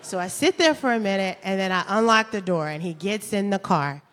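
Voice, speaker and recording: Woman storyteller, lively and laughing, recorded live in a reverberant hall. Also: medium pitch, fairly quick. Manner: animated, laughing, comic asides. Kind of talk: live true-story telling.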